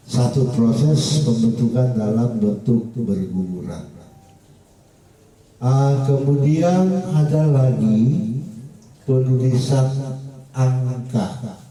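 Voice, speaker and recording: A man lecturing at a university in a slow, halting way with many pauses and fillers, recorded from a distance in an echoey room. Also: medium pitch. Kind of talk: recorded lecture on spelling and punctuation.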